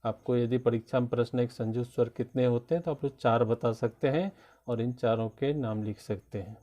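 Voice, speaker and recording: A man teaching a Hindi grammar lesson to children, slow and patient, spelling out each sound one by one. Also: mid-range voice, fairly even intonation, dark tone. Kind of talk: classroom lesson explaining grammar. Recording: dull lo-fi sound.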